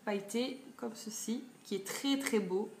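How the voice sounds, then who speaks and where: A young woman in her twenties talks through a beauty haul in a relaxed, chatty way, peppering her sentences with fillers. Her voice sits a little high, and the room around her is echoey with a faint hiss of noise. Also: unhurried. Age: 20s. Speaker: beauty vlogger. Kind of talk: casual haul video.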